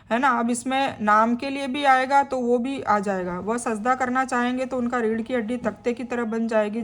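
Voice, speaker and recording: A woman reading a scripture translation aloud and then explaining each passage in plain, conversational words. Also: a little high. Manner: adds friendly check-ins to the listener. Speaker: Quran translation teacher.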